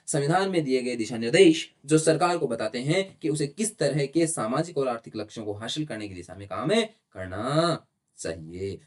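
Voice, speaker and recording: A male teacher giving a lecture and explaining terms step by step, who often asks rhetorical questions and checks with "right?". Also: medium pitch. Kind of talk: classroom lecture in Hindi mixed with English terms.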